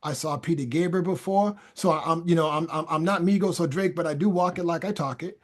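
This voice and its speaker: A high-voiced man from Boston, USA, appears as a podcast guest, starting casually and building into fervent preaching. He speaks briskly. He stammers and restarts, repeating phrases for emphasis.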